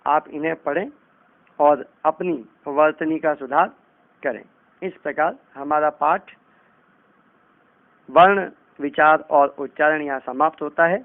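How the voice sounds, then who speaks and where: A man teaching a lesson at a very slow, deliberate pace. His voice sits a little high, and he spells out each sound with care. The recording is thin and tinny, like a phone line. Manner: carefully pronounces each sound, contrasting wrong and right forms.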